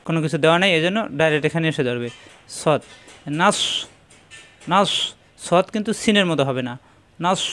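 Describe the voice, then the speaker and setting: A man teaching Quran pronunciation, sounding out each syllable slowly and methodically and now and then chanting a verse. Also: on the high side, fairly bright tone, smooth. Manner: breaks into slow chanted recitation. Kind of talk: tajweed pronunciation lesson.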